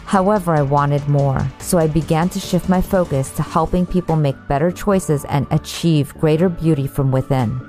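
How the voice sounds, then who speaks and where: A woman's voice: deep voice, normal speed, few pauses, mellow, faint music behind. A woman hosting an interview podcast, eager and enthusiastic with her guest. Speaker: podcast host. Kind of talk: scripted intro, then interview chat.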